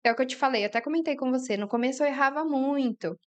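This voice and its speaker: A woman's voice: high voice, rapid-fire, highs cut off. A woman, a mother of three, talking candidly as an interview guest about everyday family life. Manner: candid, talks through everyday family scenes. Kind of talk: conversational interview.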